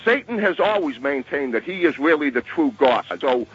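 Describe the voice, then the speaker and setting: A man with a Boston accent calling a radio show, talking in a halting, rambling way and repeating words as he goes. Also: fairly high pitch, lively intonation, a bit bright, breathy edge. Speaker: radio call-in listener. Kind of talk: rambling call-in opinion. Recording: dull lo-fi call-in line.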